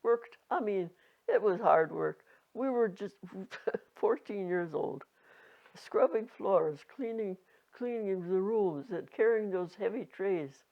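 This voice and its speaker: A very old woman in her nineties reminiscing casually, halting and rambling, with a creaky aged voice. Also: mid-range voice, lively intonation. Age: 90s. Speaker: interviewee. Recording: dull lo-fi home recording.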